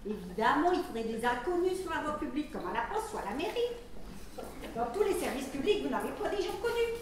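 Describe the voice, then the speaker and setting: A woman's voice: high voice, sing-song, a little fast. A woman acting a know-it-all woman at a café bar in an amateur stage comedy, insistent and lecturing. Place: village hall stage. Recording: echoey hall, clear background noise.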